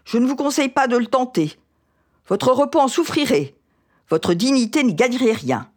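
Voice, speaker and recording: A woman's voice: fairly high pitch, lively intonation, voice pushed up. A woman reading aloud as a proud young wife who answers her husband with cold, dignified defiance. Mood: defiant. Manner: icy, measured, dignified defiance.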